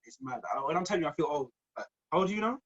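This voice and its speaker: Early-20s guy, fast slang banter, muffled lo-fi recording. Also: on the high side, animated. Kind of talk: casual chat.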